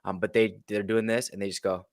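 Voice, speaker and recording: A man telling a story as a podcast guest, animated and acting out what people said. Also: fairly low pitch, a little fast, no room sound, studio quality. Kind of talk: casual storytelling.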